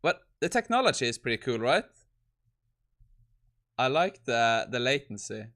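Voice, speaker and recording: A man's voice: medium pitch, very animated, unhurried, a bit bright. A man hosting a tech live stream, amused and exasperated as he tests a voice assistant. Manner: amused, exasperated, laughing asides. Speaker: tech livestream host. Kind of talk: casual live-stream testing.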